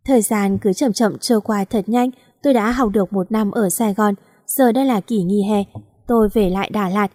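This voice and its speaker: A woman narrating a first-person romance story as an audiobook, in an even storytelling read. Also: medium pitch, normal speed, no echo, studio quality.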